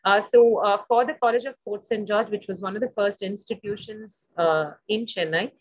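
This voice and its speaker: A woman presents a library's building in a webinar over a video conference call. She explains at length and often pauses to search for her words. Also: medium pitch, no room sound. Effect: video conference call audio that drops out at times. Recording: dull dry video-call audio.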